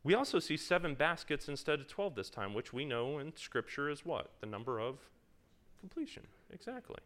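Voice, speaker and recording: Lively man teaching a Bible study. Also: medium pitch, brisk. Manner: conversational, quizzes his listeners; reads scripture aloud with emphasis. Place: in front of a live group.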